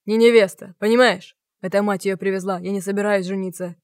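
Female narrator doing hot-tempered domineering young man, flat-toned, commanding, dry close read. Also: medium pitch, fast, dry recording, lightly acted. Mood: angry shouting. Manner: shouting, commanding. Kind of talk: audiobook character reading.

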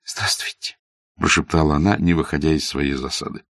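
A man narrating a classic novel as an audiobook in a measured, even reading. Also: low-pitched, vocal fry, no echo, studio quality. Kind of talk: scripted literary narration.

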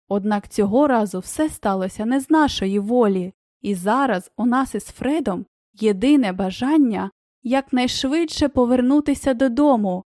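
A brave, outspoken young girl, put on by a woman narrator in a storybook reading. She speaks with a spirited, sharp-tongued edge, her voice pitched on the high side. The sound is dry and close. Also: dry recording, lightly acted.

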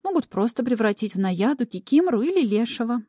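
A woman voicing a calm, kind young girl of the forest, speaking in a gentle, reassuring manner. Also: on the high side, fairly quick, no echo, voice pushed up.

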